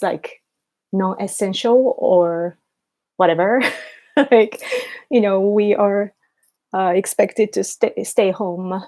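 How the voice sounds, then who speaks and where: Quiet late-night woman, slow-paced. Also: lowish voice. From Japan. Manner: quiet, hushed late-night talk so as not to wake a sleeper. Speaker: live streamer. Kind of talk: casual live-stream chat. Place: small room in a tiny two-room home.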